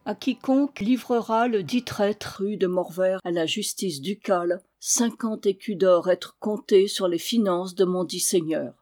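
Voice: medium pitch, a little slow, hardly any pauses, natural voice. A reader voicing a male herald who cries out a formal proclamation in an audiobook. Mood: solemn. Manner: loud formal declaiming. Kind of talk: audiobook reading.

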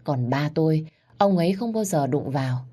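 A woman narrates a first-person audiobook story in a steady, plain way. Her voice sits low for a woman. She tells the story without fuss. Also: normal speed.

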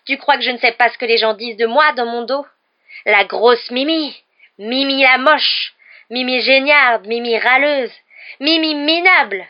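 A woman's voice: high-pitched, a little slow, pitched above the performer's own voice. A woman voicing a touchy, self-pitying girl ghost who whines through tears. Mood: tearful. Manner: whiny, sobbing. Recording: dull lo-fi recording.

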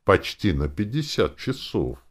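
A man's voice: deep voice, big pitch swings, unhurried, voice pushed up, heavily acted. A man voicing a blunt male orc who growls short curt orders. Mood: gruff. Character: gruff booming male orc, heavy and blunt.

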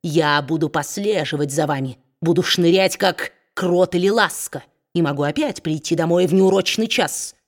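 Woman doing a sneering gruff dwarf man. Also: fairly low pitch, moderate pace, few pauses, lightly acted. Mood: gloating. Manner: sneering, gloating, growling. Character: spiteful mocking male dwarf, gruff and low.

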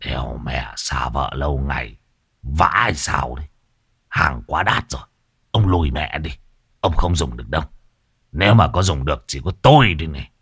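A man voicing a crude, blunt old man with a low, gruff drawl. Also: animated, measured pace, fairly bright tone, no room sound, studio quality, exaggerated voice. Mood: mocking.

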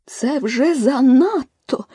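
Woman voicing a prickly offended storybook mouse, slow and huffy, husky dark voice. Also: high-pitched, expressive, no echo, studio quality, voice pushed up, heavily acted. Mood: indignant. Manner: slow, drawn-out, indignant. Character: touchy, easily offended female mouse.

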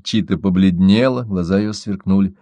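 A man reading a crime novel aloud as narrator, in a measured, even storytelling manner. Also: low-pitched, dry recording. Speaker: audiobook narrator. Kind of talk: scripted narration.

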